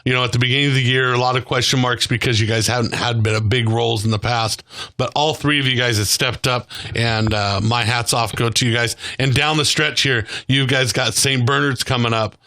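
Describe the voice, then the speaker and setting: A man's voice: mid-range voice, fairly even intonation, fairly quick, pushed and bright. A man hosting a local sports talk show, commenting on football and interviewing players.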